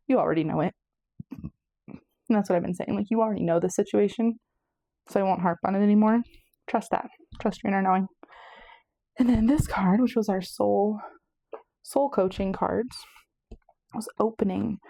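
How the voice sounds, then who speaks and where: With no room sound around her, a tarot reader with a lowish, dark voice chats through a casual pick-a-card reading. She meanders and self-corrects, sounding a little out of breath.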